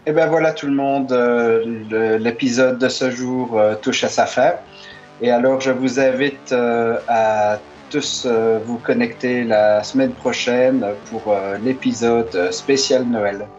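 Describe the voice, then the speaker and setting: Un homme qui clôt un épisode de podcast en hésitant avec plusieurs « euh ». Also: male voice, medium pitch, fairly even intonation, slow pace, a little mellow. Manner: hesitant, many fillers. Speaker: podcast co-host. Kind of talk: closing a podcast episode. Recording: slightly muffled with faint music.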